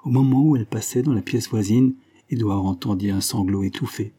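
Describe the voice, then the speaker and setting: A man narrating a nineteenth-century love story in a steady, even-toned reading. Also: on the low side, fairly quick, husky. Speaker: audiobook narrator. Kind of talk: scripted literary narration.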